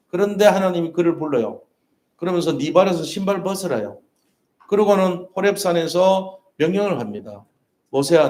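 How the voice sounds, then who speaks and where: A man's voice: fairly high pitch, a little mellow. A male pastor preaching a sermon in a church, earnest and repeating his key points with rhetorical questions. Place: church sanctuary. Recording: roomy church echo.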